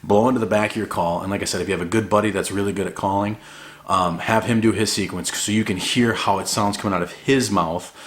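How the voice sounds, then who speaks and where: A man's voice: fairly low pitch, fairly even intonation, fast, slight background noise. A man giving an informal, encouraging hobby tutorial in a laid-back, conversational way. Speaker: hobby hunter giving a duck calling tutorial. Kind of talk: casual instructional talk.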